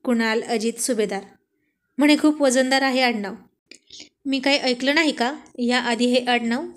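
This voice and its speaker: A woman's voice: on the high side, fairly even intonation, normal speed, lightly acted. A woman voicing a jealous, hot-tempered young husband. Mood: irritated. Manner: irritable, blustering.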